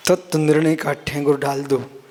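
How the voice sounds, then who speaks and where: Jain monk, sermon delivery, expounds verse line by line, speaks to listeners like family, high voice. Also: male voice, flat delivery, moderate pace, darkish tone, long reverb tail. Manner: explains scripture line by line, addresses listeners as son and brother. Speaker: Jain monk giving a discourse.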